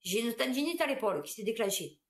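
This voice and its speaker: A woman, a supermarket cashier, telling anecdotes in a casual, animated monologue. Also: on the high side, fast talker, slight background noise.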